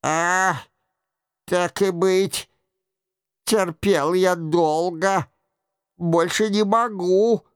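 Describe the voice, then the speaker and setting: A frightened monk gives nervous, evasive answers, pleading for his life, as a male audiobook reader puts him on. The reading is very slow, smooth and dry. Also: high voice, steady tone, no room sound.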